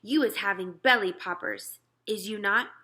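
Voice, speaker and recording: A woman's voice: mid-range voice, normal speed, sharp tone, close to an everyday voice. A woman voicing a friendly, patient giant with muddled, folksy grammar and invented words, reading from a children's storybook. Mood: eager. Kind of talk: children's storybook read-aloud.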